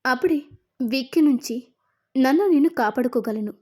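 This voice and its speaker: A woman's voice: high-pitched, normal speed, warm tone. A woman voicing a threatening male captor, in a retold serial. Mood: menacing. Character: menacing male captor, young man.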